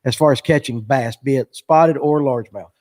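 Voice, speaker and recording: A man's voice: mid-range voice, normal speed, darkish tone. A man, hosting a casual live fishing chat in a rambling, joking way with lots of fillers. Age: 40s. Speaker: show host.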